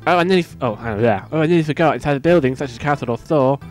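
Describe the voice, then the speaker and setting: A man's voice: mid-range voice, very fast, faint music behind, natural voice. A man voicing a naive young male dragon, the son of a dragon god, talking in an earnest, polite, worried way.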